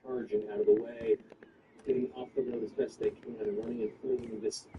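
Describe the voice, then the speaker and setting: A man running a tabletop game as game master, narrating the action in a lively way with false starts. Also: mid-range voice, brisk, muffled recording. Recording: distant mic in a noisy room.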